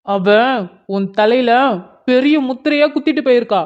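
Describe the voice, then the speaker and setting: நேரடியாகக் கண்டித்தும் ஆறுதல் சொல்லியும் பேசும் விசுவாசமான இளைஞன் நண்பனாக நடிக்கும் ஒருவர்; கார்ட்டூன் நாடகக் குரல். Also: male voice, very high voice, moderate pace, a little mellow. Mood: scolding. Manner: scolding then soothing, direct. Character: blunt loyal young male friend. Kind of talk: cartoon drama voice acting. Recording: dull lo-fi sound.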